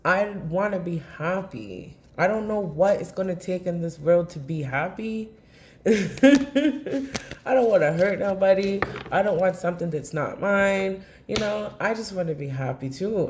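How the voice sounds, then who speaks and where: A woman's voice: on the low side, moderate pace, a little mellow, a little hiss or hum. A woman giving a tarot reading to camera in a blunt, impassioned and rambling way, swearing freely as she talks. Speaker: tarot reader. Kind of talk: casual tarot reading monologue.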